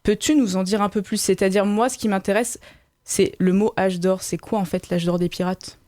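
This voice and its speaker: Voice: medium pitch, steady tone, moderate pace, mellow, no echo. Dry, close radio host announcing. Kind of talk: radio show hosting. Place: radio studio.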